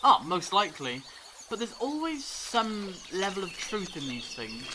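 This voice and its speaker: A man acting an eccentric, curious time-travelling alien adventurer in a fan audio drama, telling things theatrically with dramatic pauses. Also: high-pitched, sing-song, noisy background. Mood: thoughtful, wry.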